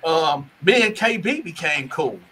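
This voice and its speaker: A man's voice: on the high side, very animated, a little slow, a bit bright, slight background noise, rough recording. A man casually telling his own story in an interview, rambling and restarting his sentences. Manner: rambling, restarts and repeats words.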